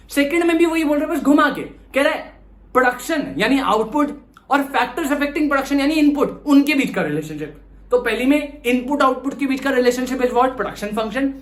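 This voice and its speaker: A young man teaching economics in a lively lecture style, asking and answering his own questions and acting out students' questions. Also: sits high, reverberant. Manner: plays student voices asking "sir". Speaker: economics tutor. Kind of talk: classroom lecture.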